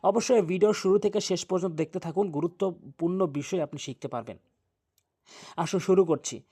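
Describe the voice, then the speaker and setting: A man with a Bangladeshi Bengali accent teaching Quran reading, spelling out Arabic letters and vowels before reciting them slowly. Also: high-pitched, dark tone, breathy edge. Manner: chanted recitation, slow and drawn out.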